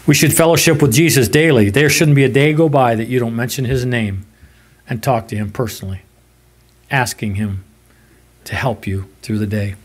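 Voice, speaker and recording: An older man preaching a sermon from a pulpit in a small church, emphatic and swinging from loud to soft. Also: medium pitch, normal speed, husky. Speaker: pastor.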